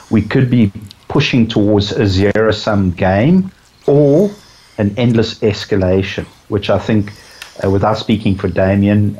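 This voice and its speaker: Male interview guest, deep register, dry wit, thoughtful podcast delivery. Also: a little mellow, rough recording. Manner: dry, reflective, self-aware sarcasm. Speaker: conservation guest.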